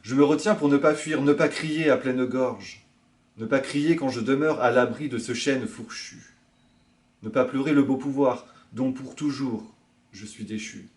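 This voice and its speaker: Man reading poetry in a hushed voice. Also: medium pitch, unhurried. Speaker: librarian.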